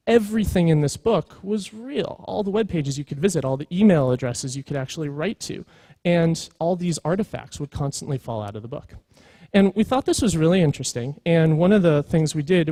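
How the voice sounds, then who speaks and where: This conference talk comes from a creative executive whose voice sits a bit high and warm. He presents in a casual, sincere storytelling style with emphatic points, captured in a dry, rough recording.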